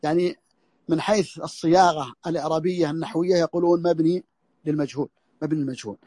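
A scholar teaches a classical text in an audio lesson, his voice set high for a man. He repeats key phrases and restarts sentences as he works through each point. The sound is dry and close, with no room around it. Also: steady tone, quick pace, dark tone, dry recording. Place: audio lesson over a social media voice room.

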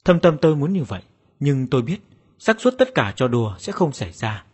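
A man's voice: mid-range voice, very animated, brisk, darkish tone, slightly rough. A man narrating a first-person horror story in a dramatic, suspenseful way. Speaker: audiobook narrator.

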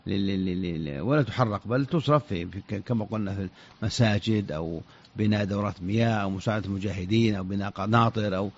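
A man giving unscripted answers to religious questions on radio, halting with many stammered restarts. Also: lowish voice, muffled recording.

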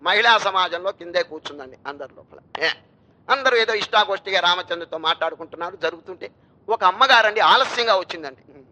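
A man's voice: high-pitched, quick pace, pushed and bright, rough recording. A male swami giving a storytelling sermon, asking rhetorical questions and chanting verses. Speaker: swami giving religious discourse.

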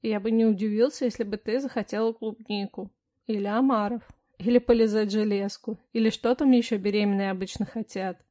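A woman's voice: mid-range voice, fairly even intonation, mellow, lightly acted. A woman reading an audiobook, voicing a tired, exasperated young husband who speaks wearily and firmly. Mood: weary. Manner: weary, patient, firm, spoken through pauses. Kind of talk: first-person audiobook narration with dialogue.

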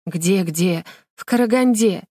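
A woman's voice: on the high side, darkish tone, no room sound, clean studio sound, pitched above the performer's own voice, close to an everyday voice. A woman voicing a bold young girl who teases and argues with her playmate in a storybook reading. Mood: teasing. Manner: mocking, quick to argue.

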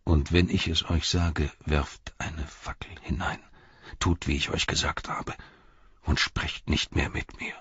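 Man voicing a grieving old lord, hushed, slow, very husky, dull dry recording. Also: extremely low pitch, steady tone, no room sound, full character voice. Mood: despairing. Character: proud grieving old lord, despairing, grim.

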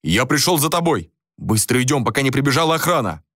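A man's voice: fairly high pitch, sing-song, brisk, a bit bright, dry recording, clean studio sound, pitched above the performer's own voice. A man voicing a bold former king who speaks in urgent, clipped commands.

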